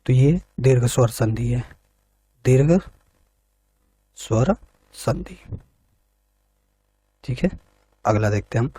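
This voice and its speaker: A man's voice: mid-range voice, fairly even intonation, moderate pace, mellow, slightly rough, no room sound. A man teaching an exam preparation lesson, reading each question and its options, then explaining the answer step by step and repeating points back.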